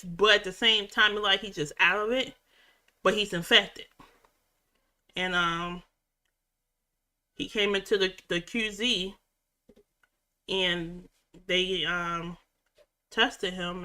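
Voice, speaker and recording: A woman with a mid-range voice that sounds pushed and bright chats casually from home as a reaction vlogger. Recapping a show, she rambles, often restarting her sentences and using lots of fillers.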